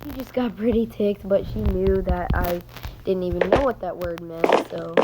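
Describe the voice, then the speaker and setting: A young person telling a rambling school story while playing a game, acting out other people's lines in bursts. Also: female voice, on the low side, steady tone, moderate pace. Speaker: gaming vlogger. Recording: noisy game capture with clicks.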